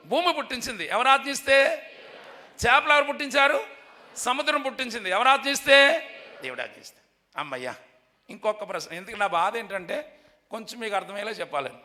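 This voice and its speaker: A male preacher with a very high, piercingly bright voice leads a revival sermon. He repeats his questions and urges the congregation to shout the answers back. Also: expressive, a little fast, pauses often. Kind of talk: sermon with call-and-response. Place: church revival meeting.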